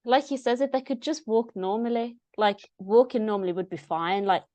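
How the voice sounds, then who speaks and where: A young woman speaks as a guest on a podcast, her voice a little high and her pace moderate, captured in a dry recording. In this casual interview she tells stories with lots of energy, quoting both herself and other people.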